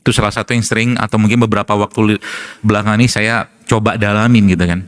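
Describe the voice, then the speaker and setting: A man's voice: fairly low pitch, steady tone, quick pace. A middle-aged man, a preacher and doctor, gives a casual religious talk full of anecdotes, chuckling often and asking rhetorical questions. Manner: chatty storyteller, laughs often, asks rhetorical questions.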